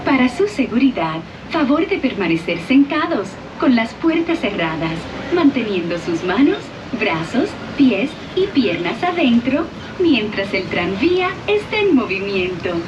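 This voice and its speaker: A woman's higher voice rings out from an outdoor tram loudspeaker in a formal, clearly paced safety announcement, with a lively melodic lilt. The sound is muffled and distant, with loud outdoor noise around it. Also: moderate pace. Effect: played over an outdoor tram loudspeaker.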